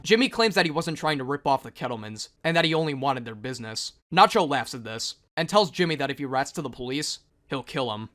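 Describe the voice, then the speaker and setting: A young man narrating a fast scripted recap with sarcastic, joking asides. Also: medium pitch, lively intonation, fairly bright tone, dry recording. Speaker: video reviewer.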